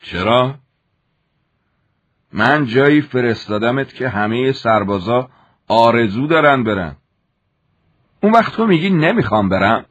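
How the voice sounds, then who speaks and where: A man's voice: medium pitch, lively intonation, long pauses, highs cut off, pitched above the performer's own voice, lightly acted. A man voicing a stern garrison commander who barks orders with authority. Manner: barking, authoritative. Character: angry army garrison commander, stern middle-aged man.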